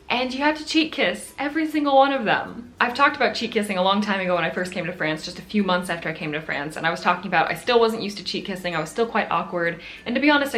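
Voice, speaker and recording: A woman's voice: on the low side, fairly bright tone. An American woman vlogger chatting to camera, laughing often and poking fun at herself. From United States. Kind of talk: casual chat to camera.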